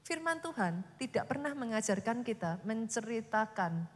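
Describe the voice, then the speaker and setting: A woman pastor preaching a sermon, animated and constantly addressing the congregation, acting out quoted speech with dramatic swings. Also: on the high side, moderate pace, in a large hall. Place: church.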